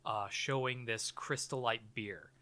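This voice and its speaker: A man's voice: mid-range voice, fairly even intonation, measured pace, bright, forceful tone. A man co-hosting a podcast, talking casually with wry banter. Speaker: podcast co-host. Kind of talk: casual comic chat and film recap.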